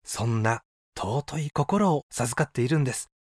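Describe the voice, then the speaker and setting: A man reading as a gentle old woman. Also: mid-range voice, normal speed, no room sound, clean studio sound, close to an everyday voice. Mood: gently admonishing. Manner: calm, softly admonishing. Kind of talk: read-aloud personal essay.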